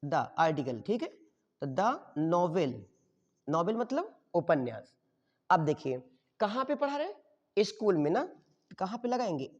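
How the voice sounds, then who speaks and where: A man's voice: high-pitched, sing-song, normal speed. Male tutor, quizzing style, keeps checking the class understands; recorded dull with a long reverb tail. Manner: quizzes the class and answers his own questions; checks in with "okay?" after each step. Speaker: teacher. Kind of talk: grammar lesson.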